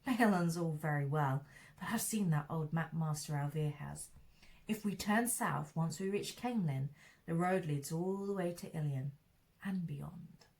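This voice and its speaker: A woman's voice: low-pitched, measured pace, creaky, darkish tone. A woman voicing an eager young male villager, casual and daydreaming about cities.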